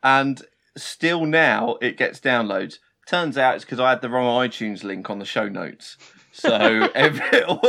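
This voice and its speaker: Podcast co-host, mid-pitched, self-mocking and quick to laugh. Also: male voice, bright, forceful tone. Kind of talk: casual chat.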